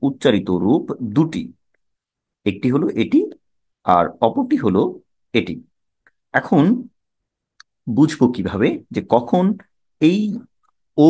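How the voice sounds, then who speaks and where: A man with a Bangladeshi Bengali accent teaching a pronunciation lesson, measured and explanatory, asking questions and answering them himself. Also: medium pitch, a little mellow, husky.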